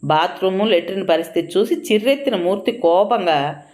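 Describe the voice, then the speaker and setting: A woman's voice: mid-range voice, brisk. Woman narrating a comic story. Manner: lively, playful storytelling.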